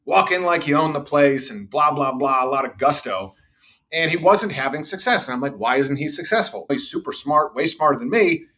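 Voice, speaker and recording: The podcast guest, a middle-aged sales executive, speaks at a moderate pace in a slightly high voice with lively intonation. Confident and full of anecdotes from his career, he notes that he has a loud voice.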